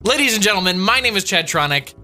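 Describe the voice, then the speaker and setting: A man's voice: high voice, lively intonation, fast talker, bright, forceful tone. A man hosting a reaction video, rambling and mock-incredulous as he comments.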